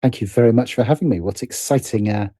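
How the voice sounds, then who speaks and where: A middle-aged British podcast guest who works as a writer and producer talks quickly in a mid-range, dark-toned voice, captured with studio quality and no room sound. He is casual, reflective and hesitant, gently mocking himself as he thinks out loud.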